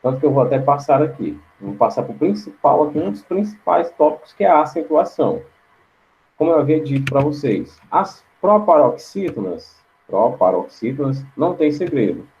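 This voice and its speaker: A man's voice: a little high, very animated, normal speed, a little mellow, dull audio. A male teacher giving an online class lecture, explaining step by step, often asking "right?" and repeating words aloud to show how they sound. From Brazil. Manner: frequent checking tags.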